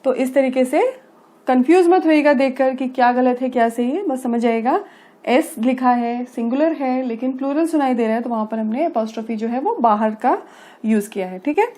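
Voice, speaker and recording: Grammar teacher, female, high-pitched voice, patient and repetitive explainer. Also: mellow. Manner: explains slowly, checking understanding with frequent tag phrases; reads English examples slowly and carefully. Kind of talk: classroom-style grammar lesson.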